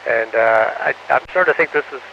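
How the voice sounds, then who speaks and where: An astronaut answering students over a radio link from space that is breaking up. He speaks haltingly with frequent fillers and ends each answer with "over". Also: medium pitch, gravelly. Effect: radio downlink from space, muffled and breaking up. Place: on board the space station. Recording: muffled radio link with faint static.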